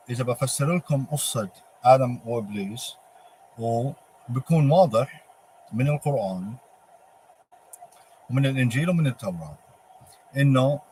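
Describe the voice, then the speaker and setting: A man with a Palestinian Arabic accent giving an informal religious monologue, halting and posing emphatic rhetorical questions. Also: mid-range voice, darkish tone. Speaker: religious speaker. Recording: clearly noisy ambient background.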